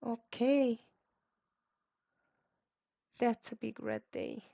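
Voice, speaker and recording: This is live market commentary from a woman with a Hungarian accent who hosts a trading stream, clipping out stock tickers in bursts with fillers. She talks extremely slowly in a slightly high, mellow voice with vocal fry and fairly even intonation. The recording is dull, low-quality stream audio.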